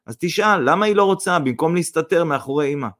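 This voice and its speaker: A man voicing an earnest young man in love who speaks quietly and in earnest. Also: on the high side, animated, pitched above the performer's own voice.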